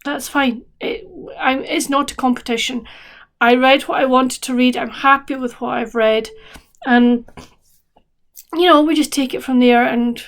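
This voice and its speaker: A woman with a fairly high voice talks casually to her viewers as a book vlogger. She rambles along with many restarts and fillers. She sounds a bit tired. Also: fairly even intonation, a little slow. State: tired, yawning. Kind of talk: casual chat to camera.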